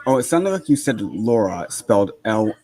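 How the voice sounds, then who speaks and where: Guy on a stream chat, lowish voice, lots of ums, keeps repeating stuff. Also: big pitch swings, moderate pace, a crowd in the background, low-quality recording. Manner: hesitant, repeats himself. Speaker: guest on a livestream. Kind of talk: casual group chat.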